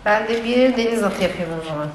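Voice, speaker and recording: A woman's voice: a little high, fast talker. A mother chatting playfully with her child at home. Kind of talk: casual family chat. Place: home living room. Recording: echoey room with background noise.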